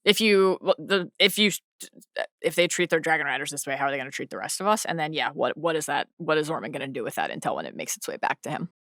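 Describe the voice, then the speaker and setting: A woman co-hosting a podcast, recapping a TV episode quickly and enthusiastically, often restarting sentences. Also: low-pitched, lively intonation, a bit bright, no room sound, studio quality. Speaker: podcast co-host. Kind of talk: casual TV recap chat.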